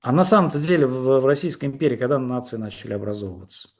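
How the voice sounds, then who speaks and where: Argumentative and hesitant, a man makes his case as a guest on a political talk, restarting often and leaning on fillers. His pitch sits in the middle, and he sounds animated.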